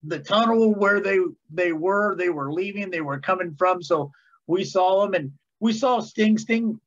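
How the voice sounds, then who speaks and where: A man's voice: high voice, unhurried, highs cut off. A man in his fifties, an author guest, telling stories in a folksy, easygoing way with hesitant fillers. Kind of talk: casual interview chat.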